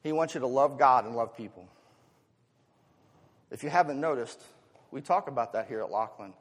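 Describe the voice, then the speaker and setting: Speaking at normal speed in a mid-range voice, this American man delivers a sermon as a pastor. Rhetorical questions, casual asides and emphatic surges alternate throughout. Long hall reverb fills the sound of the big, echoing church.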